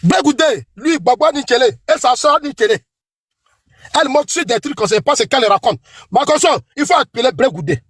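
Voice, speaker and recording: A man's voice: extremely high pitch, expressive, brisk, a bit bright, breathy edge, dry recording, studio quality. A middle-aged man with an Ivorian French accent, delivering a combative, accusing political tirade that repeats lines for emphasis. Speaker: political commentator.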